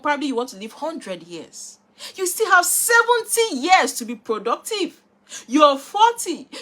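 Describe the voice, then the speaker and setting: In a replayed live online session, a woman motivational speaker delivers an emphatic talk in a very high-pitched, slightly bright voice. She keeps repeating rhetorical questions to her audience.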